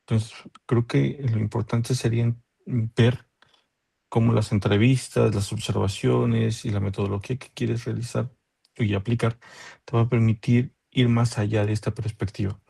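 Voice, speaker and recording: A man gives measured feedback on a student's research over a video call. His voice is gravelly and husky, with a dark, warm tone, and he thinks aloud with frequent fillers. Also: medium pitch, fairly even intonation. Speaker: thesis committee member. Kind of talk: academic feedback.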